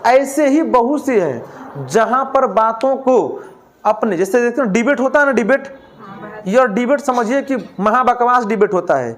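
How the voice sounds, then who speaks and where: A man's voice: very high-pitched, lively intonation, a little slow. Lecturer quizzing and joking with his class. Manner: asks questions and answers them himself, jokes with students. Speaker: teacher.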